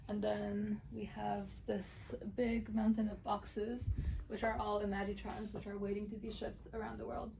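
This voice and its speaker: A young woman from Romania with a slightly gravelly edge to her voice speaks at a middle pitch, easygoing and full of little fillers. She answers questions casually while walking through an office. Faint noise sits under the recording. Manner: relaxed, many "um" and "I guess" fillers. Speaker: startup cofounder and lead developer. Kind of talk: casual interview and office tour.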